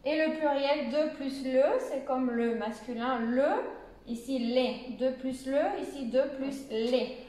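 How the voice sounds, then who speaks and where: A woman from France, a university French teacher, giving a beginner lesson and slowly enunciating example phrases. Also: sits high, steady tone, mellow. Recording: very echoey room.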